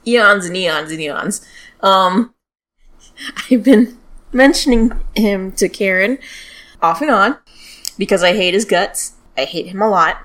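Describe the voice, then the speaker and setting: A woman's voice: mid-range voice, takes it slowly, long pauses, a bit bright. Woman, general American accent, podcast host, casual true-crime storytelling, blunt and sweary, mid-range voice.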